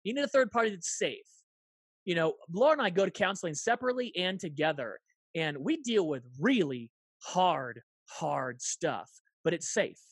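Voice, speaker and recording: Man, forties, interview guest, lively storyteller, dry close sound. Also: high voice, moderate pace, breathy edge, dry recording. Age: 40s. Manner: animated, acts out dialogue in lively voices.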